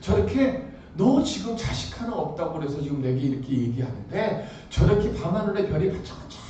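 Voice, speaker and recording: A man's voice: on the high side, big pitch swings, brisk, dark tone, a little hiss or hum. A pastor speaking as God, earnestly reassuring a man about a promise. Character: God reassuring a man, patient then insistent. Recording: echoey hall from far off.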